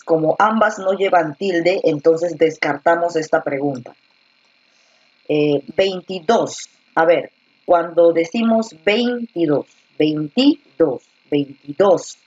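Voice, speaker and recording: A woman teacher giving an online class, explaining patiently and repeating words slowly to stress their syllables. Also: low-pitched, a little mellow, breathy edge, no echo. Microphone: computer or headset mic on a video call. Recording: dull dry lo-fi online class audio.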